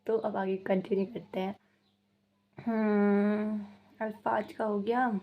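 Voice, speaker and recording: A woman's voice: mid-range voice, steady tone, normal speed, vocal fry, phone-quality sound. A young woman from Uttarakhand chatting casually in a vlog, reading out viewer questions and answering them in a rambling, repetitive way. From Uttarakhand, India. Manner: chatty and rambling, repeats herself, laughs at the questions. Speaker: vlogger.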